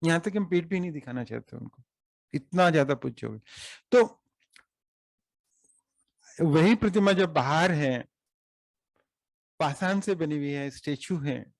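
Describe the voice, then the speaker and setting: A man with an Indian accent giving an earnest explanatory talk to a study group, working through his points slowly and asking questions he then answers. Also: fairly high pitch, animated, vocal fry, no echo. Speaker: speaker at a study circle meeting.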